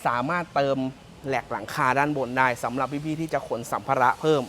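A man's voice: medium pitch, fairly quick, a bit bright, slight background noise. A man from Thailand giving a casual, joking walkaround of a pickup truck as a car salesman, often repeating himself. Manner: chatty and joking, repeats phrases.

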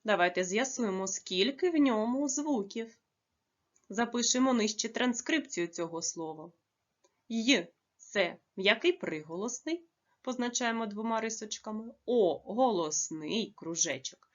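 A woman teaching a lesson to young children, dictating slowly and carefully with drawn-out words. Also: fairly high pitch, animated, dull audio. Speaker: primary school teacher.

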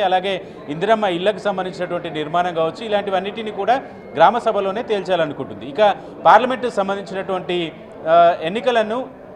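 Guy in his 30s doing a live field report, high voice, lots of "uh" fillers, handheld mic outside. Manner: steady report with filler sounds. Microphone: handheld channel mic.

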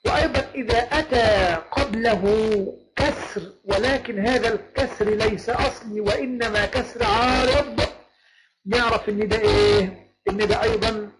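A man with an Egyptian accent giving an online lecture on Quran recitation rules. He chants verse lines slowly and keeps asking his students whether everything is clear. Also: high-pitched, loud music behind the voice. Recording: noisy online lecture recording.

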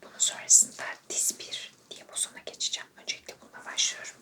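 A woman speaks entirely in a soft, breathy whisper as she plays a doctor in an ASMR exam roleplay. She gives slow, gentle instructions one step at a time. Her voice sits a little back from the microphone. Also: distant mic.

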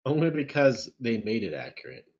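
A man's voice: mid-range voice, very animated, normal speed, darkish tone, husky, lo-fi sound. A man co-hosting a casual film review chat over a video call, talking in a dry, sarcastic way. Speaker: podcast co-host reviewing films.

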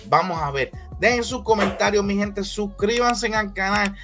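A man hosting a casual boxing commentary vlog, talking in a lively, hyped way and repeating catchphrases. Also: sits high, moderate pace, over music.

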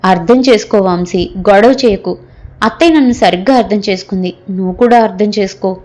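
A woman's voice: mid-range voice, a little fast, a little mellow, soft background music, close to an everyday voice. A woman voicing a proud young wife who answers her husband with cutting, defiant retorts.

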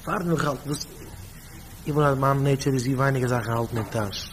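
Emphatic Yiddish-accented rabbi preaching. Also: male voice, mid-range voice, normal speed, slight background noise, low-quality recording. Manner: storytelling, repeats phrases, rises to emphatic bursts. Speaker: rabbi giving a talk.

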